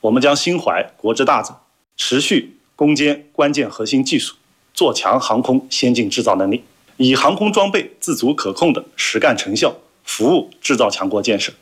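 A man's voice: mid-range voice, expressive, moderate pace, fairly bright tone, breathy edge. A man delivering a formal prepared statement as a company executive.

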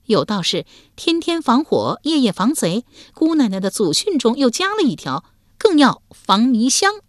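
A sly, bold young wife, voiced by a woman narrator with a high, lilting, coy voice. She is sharp-tongued and spells out her schemes with calm confidence. The recording is close and dry. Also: moderate pace, dry recording. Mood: teasing.

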